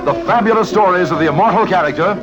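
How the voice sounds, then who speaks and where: A man's voice: high voice, quick pace. A man announcing an old radio drama in a formal, declamatory style. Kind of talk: 1950s radio show announcing. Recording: dull vintage radio, loud music. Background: loud zither music.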